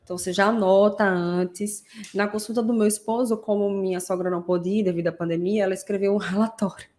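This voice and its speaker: A woman hosts a podcast and explains her subject in a relaxed, conversational way. She keeps checking in with her listeners through tag questions and briefly acts out examples. Her voice sits in a middle pitch range. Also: fast talker. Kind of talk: casual explanatory podcast talk.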